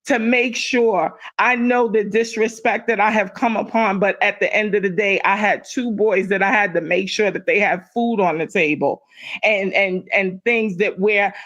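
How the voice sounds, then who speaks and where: Middle-aged woman, livestream guest, speaks with heated conviction and repeats points for emphasis, mid-pitched. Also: steady tone, moderate pace, a bit bright, no room sound. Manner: impassioned, emphatic, repeats herself for stress. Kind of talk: casual chat.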